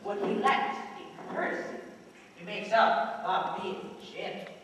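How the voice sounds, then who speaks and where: A woman's voice: medium pitch, steady tone, a little slow, close to an everyday voice. A woman playing a fussy, teasing old nurse, groaning and chuckling in an amateur stage play, heard from a distance in an echoing hall. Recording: distant echoey hall, noisy.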